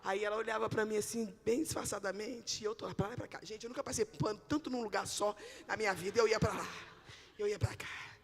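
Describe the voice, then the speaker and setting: A woman pastor preaching a sermon, moving between shouted exhortation and lively personal storytelling. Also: mid-range voice, quick pace. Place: church sanctuary. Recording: long reverb of a church hall.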